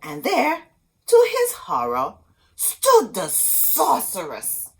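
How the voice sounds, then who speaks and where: A storytime host with a high-pitched voice and vocal fry reads a children's book expressively, slowly, her pitch swinging hugely. Now and then she breaks off to talk straight to the young listeners.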